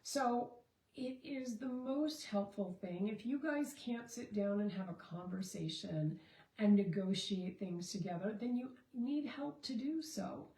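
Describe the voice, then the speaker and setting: A woman's voice: mid-range voice, mellow, roomy sound, rough recording. A middle-aged woman, a relationship and marriage coach, talking casually and rambling with many fillers and restarts. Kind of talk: casual Facebook Live talk.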